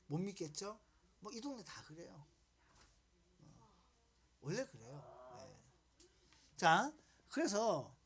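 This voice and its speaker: A woman's voice: mid-range voice, husky. A woman math teacher giving a lesson, coaxing students along with repeated prompts and questions.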